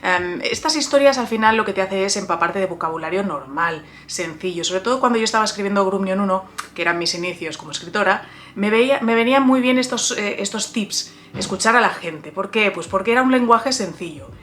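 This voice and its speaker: A woman's voice: mid-range voice, lively intonation, fairly quick, a bit bright, slight background noise. Chatty woman teaching writing. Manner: chatty, addresses viewer directly, frequent "eh" and restarts. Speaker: writer and writing coach, channel host. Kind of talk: casual video lesson on writing.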